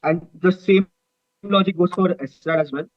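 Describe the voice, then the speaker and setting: A man's voice: high-pitched, fairly even intonation, moderate pace, no room sound. A young man from India, a student rocket team member, explaining a technical design over a video call, hesitant with many fillers, his volume uneven and cutting in and out. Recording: muffled, garbled video call audio.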